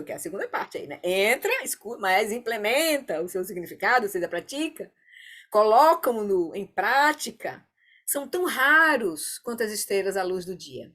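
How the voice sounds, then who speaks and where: A woman teaching an online meditation class, explaining calmly and often checking in with her students. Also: medium pitch. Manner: calm, explanatory, often asks "né?". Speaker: Dharma teacher.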